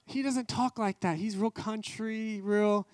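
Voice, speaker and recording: A man with a fairly high voice preaches a testimony sermon with fervent emphasis. He drives his key phrases home by repeating them. The sound is dry and close, with no room echo. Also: steady tone, measured pace.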